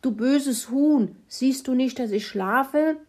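A woman voicing a grumpy, sleepy male pig in a children's story who bellows and whines, husky voice. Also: a little high, animated, slow pace, darkish tone, pitched above the performer's own voice. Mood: angry. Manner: bellowing, whiny.

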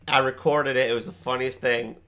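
A man co-hosting a podcast, telling a story in animated, exclamatory casual chat. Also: mid-range voice, brisk, over a noisy crowd. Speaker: podcast co-host.

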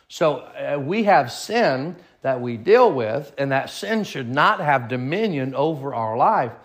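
Conversational pastor in his thirties. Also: mid-range voice. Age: 30s. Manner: conversational, repeats phrases for emphasis. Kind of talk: informal Bible study sermon.

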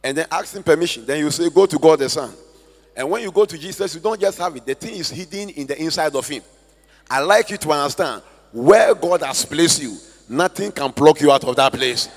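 A man with a Ghanaian accent preaching a sermon as a pastor, with slow emphatic stress and loud swells. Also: on the high side, expressive. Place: church hall. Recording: long church hall reverb.

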